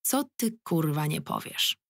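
A tough young policewoman, as a woman reads her snaps back with curt, swearing irony. Her voice is low, with a gravelly creak and a husky edge. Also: steady tone, normal speed, dry recording, clean studio sound. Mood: sarcastic, angry. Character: tough sarcastic young policewoman, foul-mouthed.

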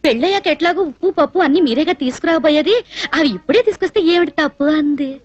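An actress playing a naive, lovestruck young woman in a film comedy, pleading and tearful. Her voice is very high and quick, on slightly dull, dry film audio. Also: lightly acted. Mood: plaintive. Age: young adult. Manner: plaintive, pleading, given to comic tears. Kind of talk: Telugu film comedy dialogue.

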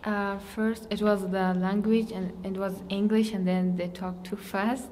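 A teenage girl from Afghanistan speaks in simple learner English with a low, dark, flat voice. The room adds a long reverb behind her, with a faint hiss as well. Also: a little slow. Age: teens. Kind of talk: interview.

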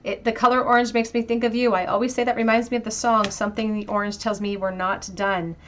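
A woman giving a pick-a-card tarot reading, speaking gently and reflectively straight to the viewer. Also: fairly high pitch, flat delivery, quick pace, a little hiss or hum. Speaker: tarot reader.

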